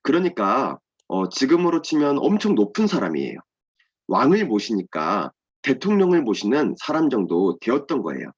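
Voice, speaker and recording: Male children's pastor, animated and clear, simple explanations, muffled lo-fi recording. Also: mid-range voice, moderate pace. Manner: simple, explanatory, asks and answers own questions. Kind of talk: children's sermon. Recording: dull lo-fi sound.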